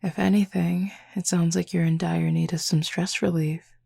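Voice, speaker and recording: In an intimate audio roleplay, a woman voices a flirty, self-assured female werewolf, her husky, gravelly tone teasing and drawling as she gives playful commands. Her voice sits lowish and mellow, with a flat delivery at a moderate pace and an exaggerated, theatrical quality.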